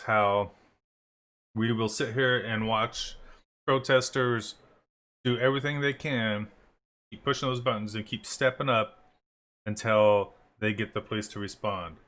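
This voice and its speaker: A man's voice: fairly low pitch, a bit bright. A man hosting a livestream. He greets his viewers and talks through his views in a loose, conversational way, with many fillers. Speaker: livestream host. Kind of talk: casual livestream commentary.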